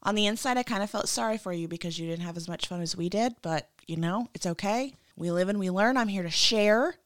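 A woman's voice: medium pitch, a little fast. A woman in her thirties chats through her podcast in a joking, self-mocking way. She sits close to the mic. The sound is dry, with no room echo. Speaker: podcast host. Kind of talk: casual solo podcast chat.

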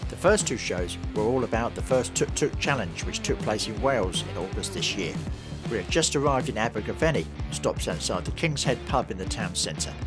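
Lively male podcast host over clear music. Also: mid-range voice. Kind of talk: scripted narration.

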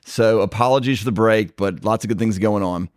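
A man with a lowish voice hosts a casual podcast, talking a little fast in a loose, rambling style full of fillers and restarts. The sound is clean studio audio with no echo.

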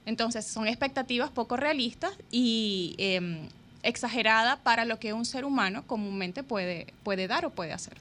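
A woman's voice: fairly high pitch, moderate pace, fairly bright tone. A woman behavior specialist speaking reflectively on a radio talk show, agreeing and elaborating.

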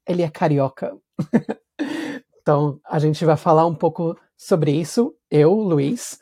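Paulista man hosting, mellow voice. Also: fairly high pitch, takes it slowly. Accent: Paulistano Brazilian Portuguese. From São Paulo, Brazil. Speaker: podcast host. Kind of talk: casual chat for language learners.

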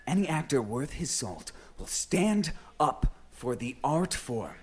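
A man's voice: medium pitch, big pitch swings, slow pace, slightly rough, exaggerated voice. Man playing a vain, grandiose actor. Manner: grandiose, self-important. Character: vain, pompous male stage actor.

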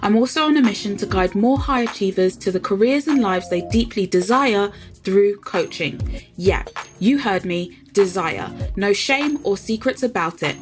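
A woman's voice: medium pitch, expressive, moderate pace, faint music behind. A woman hosting a podcast, talking in an upbeat, emphatic way as she opens the show and puts questions to her guest. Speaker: podcast host. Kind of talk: podcast intro and interview.

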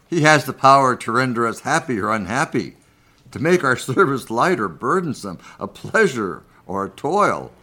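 A man's voice: mid-range voice, sharp tone. A man playing an emotional, remorseful old miser in a radio drama, with exclamatory, agitated delivery. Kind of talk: live community radio drama acting.

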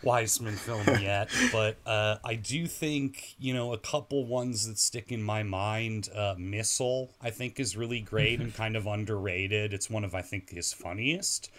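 Low-voiced man telling stories animatedly. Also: a little slow, hardly any pauses. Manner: animated storyteller, acts out quoted people. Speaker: podcast guest. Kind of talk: casual film discussion.

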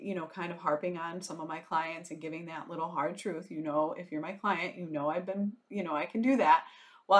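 A woman's voice: on the low side, fairly bright tone. Chatty, frank woman podcast host. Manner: chatty, frank, laughs easily, many fillers. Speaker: podcast host, business strategist. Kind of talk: casual solo podcast monologue.

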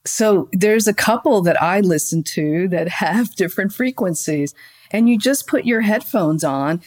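A woman guest on a podcast, talking in a calm, flowing way about spiritual practice and gently guiding listeners through a meditation. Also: mid-range voice, unhurried. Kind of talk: conversational podcast interview.

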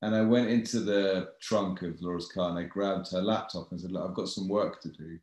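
A man's voice: deep voice, fairly even intonation, fairly quick, darkish tone. A man with an English accent telling a story in casual chat, in a dry, self-mocking way. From England. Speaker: guest. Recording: echoey room.

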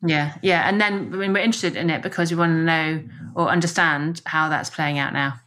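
Low-voiced woman hosting a podcast. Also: steady tone, brisk, fairly bright tone. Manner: reflective, many affirming yeahs. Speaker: coach, podcast co-host. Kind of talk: casual conversational podcast chat.

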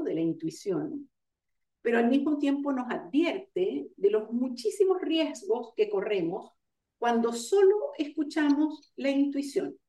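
A woman giving an online lecture on coaching, explaining ideas step by step and pausing with fillers to gather her thoughts. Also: fairly high pitch, dark tone. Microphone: video call. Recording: roomy sound, far from the mic.

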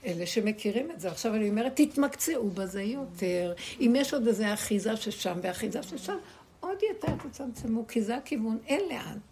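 Woman, spiritual teacher, gravelly creaky voice, emphatic and repetitive, rhetorical questions, faint background noise. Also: on the high side, expressive, darkish tone. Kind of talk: spiritual teaching to a small group.

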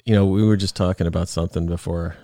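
This podcast host, a man with a deep, steady voice, talks fast over a noisy background. He rambles through a casual chat, laughs a lot, trails off mid-thought, and sniffles from a cold.

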